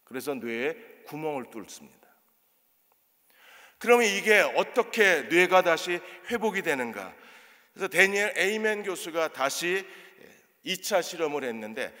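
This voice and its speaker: A male pastor preaching a sermon to his congregation, animated and throwing rhetorical questions to them. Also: high voice. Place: church sanctuary. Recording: long church reverb.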